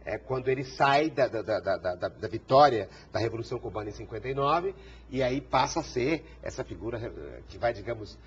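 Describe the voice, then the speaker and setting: A man's voice: medium pitch, animated, brisk, slightly rough. A man hosting a TV interview show, introducing and questioning his guest; he rambles and stumbles over repeated words. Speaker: TV talk show host. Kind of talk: TV interview conversation. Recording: dull TV broadcast sound with faint hiss.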